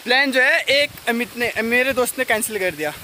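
A man's voice: extremely high pitch, brisk, bright, forceful tone, a little hiss or hum. A young man narrating a casual travel vlog while walking outdoors, talking into a handheld phone camera. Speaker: travel vlogger. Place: outdoors at a hill temple.

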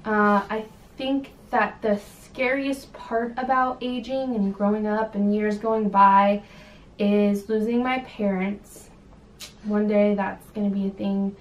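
Slow-talking sassy young woman from California. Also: mid-range voice, little pitch movement, distant mic, muffled recording. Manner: chatty and sassy, lots of ums. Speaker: vlogger. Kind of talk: casual chat. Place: home room. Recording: echoey room with faint background hiss.

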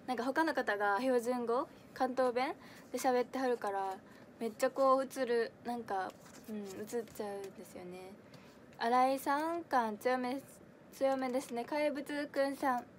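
A bright, high-pitched young woman in her twenties speaks with a strong Kansai accent. She chats on a livestream in a giggly, rambling way, answering viewer comments one after another close to the mic. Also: moderate pace, slight background noise. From Kansai, Japan. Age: 20s. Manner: chatty and giggly, many fillers, answers comments as she reads them. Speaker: idol audition livestreamer. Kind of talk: casual livestream chat reading viewer comments.

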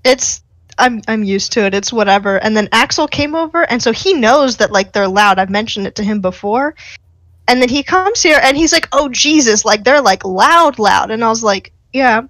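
A woman's voice: fairly high pitch, animated, fairly quick, a bit bright, dry recording, rough recording. Chatty, teasing young woman. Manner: chatty storyteller, teasing, lots of fillers. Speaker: podcast co-host. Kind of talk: casual chat.

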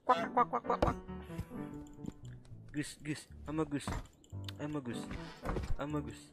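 A man's voice: on the high side, steady tone, a little slow, voice pushed up, lightly acted. A man voicing a cheeky goose that pretends to be innocent, quacking and repeating himself in a sing-song way. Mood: silly. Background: game music.

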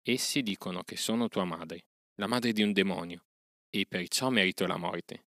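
A gentle village mother, soft and pleading, as a male narrator puts her on, with a low bright voice and tender anxious delivery in a storybook reading. Her words come timid but loving. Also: normal speed, no room sound, clean studio sound.

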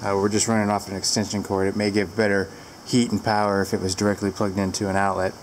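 A woman's voice: rumbling low, flat delivery, fast. A woman giving a casual, rambling product review with fillers, filmed on a handheld camera inside a large barn with the door open to the wind.

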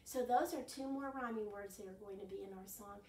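This sixties-aged storytime host speaks at medium pitch, a touch quickly, with a darkish tone, urging children to take part. She's a library-style host recorded in her carpeted living room by a camera microphone several metres off, so it sounds roomy.

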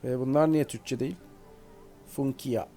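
A man's voice: medium pitch, fairly even intonation, a little slow, mellow, faint music behind. A man hosting a gaming video, chatting casually and playfully as he plays and talks back to the game. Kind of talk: casual let's-play commentary.

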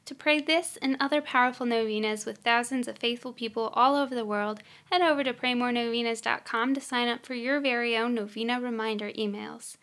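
A woman with a slightly high voice hosts a prayer podcast. She reads a scripted prayer slowly and carefully, in a prayerful tone. Soft guitar plays underneath her. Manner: slow, measured, prayerful. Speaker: podcast host leading prayer.

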